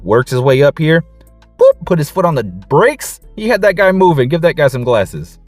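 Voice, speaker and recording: Excited man breaking down game film. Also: on the high side, normal speed, dry recording, soft background music. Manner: excited, repeats catchphrases, casual slang. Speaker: football coach and film analyst.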